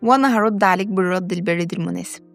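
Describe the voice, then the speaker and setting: A woman with an Egyptian accent, reading a scripted self-help talk in a calm, measured way and speaking straight to the listener. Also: lowish voice, gravelly, soft background music. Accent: Egyptian Arabic. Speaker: self-help channel host. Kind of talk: scripted motivational narration.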